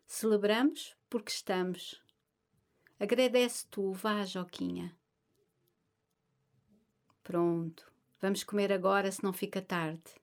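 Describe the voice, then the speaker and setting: A woman voicing an older grandmother who speaks in a measured, soothing way and turns firm when she gives orders. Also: medium pitch, steady tone. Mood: gentle.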